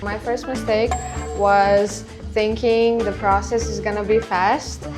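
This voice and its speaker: A woman from Serbia talks as a guest in a relaxed, chatty way. Her voice is friendly and easygoing. Clear background music plays throughout. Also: medium pitch, slow. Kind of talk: casual interview. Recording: music bed behind.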